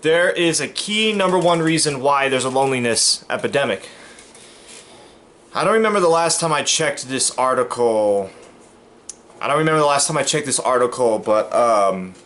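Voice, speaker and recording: A man's voice: mid-range voice, lively intonation, normal speed, fairly bright tone, slight background noise. Rambling American man vlogging to camera. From United States. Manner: rambling, repeats himself, many fillers and restarts; earnest, emphatic. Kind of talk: casual monologue to camera.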